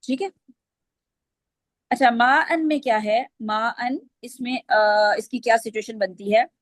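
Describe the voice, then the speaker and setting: Woman w teaching quran reading, kinda high voice, dry close sound. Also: a little slow, no room sound. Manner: patient, explains step by step with questions to students. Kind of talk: online class lesson.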